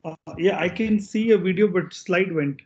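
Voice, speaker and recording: A man's voice: high voice, normal speed, a little mellow. A man moderating an online session who gives brief prompts, heard through a screen recording of the call. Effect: heard through a screen-recorded video call. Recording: dull, distant video-call audio.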